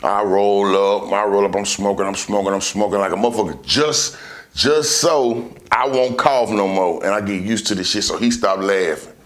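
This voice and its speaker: A man's voice: fairly low pitch, normal speed. Laid-back stoner man with a drawl. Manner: slangy, heavy casual swearing. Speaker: vlogger. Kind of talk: casual storytelling to camera.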